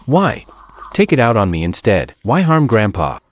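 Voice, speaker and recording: An actor playing a wronged, injured young husband in overacted dubbed melodrama. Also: male voice, lowish voice, big pitch swings, normal speed, dull audio, a little hiss or hum. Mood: anguished. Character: wronged injured young husband and grandson, bitter yet gentle. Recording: music behind the voice.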